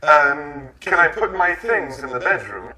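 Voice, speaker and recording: An actor playing a friendly young man, speaking slow, clear lesson dialogue. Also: a little high, very animated, sharp tone, far from the mic, heavily acted. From United States. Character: young American man moving into a shared flat. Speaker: new flatmate in a lesson dialogue. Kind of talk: scripted language-lesson dialogue. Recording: echoey room, off-mic.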